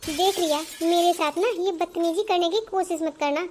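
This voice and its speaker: A woman voicing a stern, bossy elder sister-in-law in a cartoon, giving warnings in a very high voice. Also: fairly even intonation, normal speed, a little hiss or hum. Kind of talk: Hindi cartoon voice acting.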